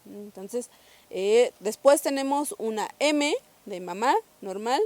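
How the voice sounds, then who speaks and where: A woman's voice: fairly high pitch, animated, slow, a little mellow, no room sound. A young woman from Mexico, patiently teaching a pronunciation lesson and repeating each sound several times. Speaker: language teacher.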